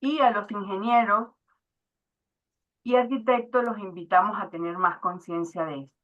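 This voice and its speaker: A woman moderating an online panel, thanking the speaker with hesitant, drawn-out phrasing. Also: medium pitch, fairly even intonation, a bit bright. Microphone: video call. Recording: dull lo-fi video call audio.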